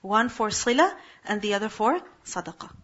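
A woman's voice: medium pitch, lively intonation, moderate pace, fairly bright tone, muffled recording. A woman teaching a Quran lesson to a class, asking questions and answering them herself.

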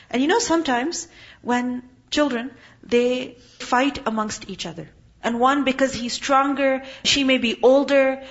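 Higher-voiced woman teaching a religious lesson, earnest, keeps asking the room stuff, kinda muffled recording. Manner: earnest, asks the audience questions. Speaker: Islamic teacher. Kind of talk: Quran lesson talk.

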